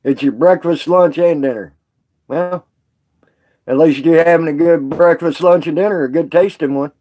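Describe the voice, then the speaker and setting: A man's voice: fairly high pitch, normal speed, mellow. A man chatting casually on a live stream with viewers, rambling and folksy, laughing often.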